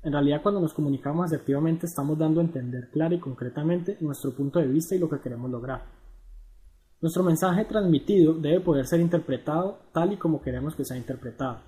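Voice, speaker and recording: A man reading a scripted educational narration in an even, measured way. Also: fairly high pitch.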